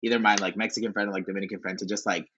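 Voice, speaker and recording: A young man from Virginia with Honduran and Salvadoran roots, chatting as a podcast guest and telling stories in an animated way, switching between English and Spanish. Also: on the low side, racing, highs cut off, a little hiss or hum. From Honduran Salvadoran American from Virginia. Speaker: podcast guest, content creator. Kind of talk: casual conversational interview.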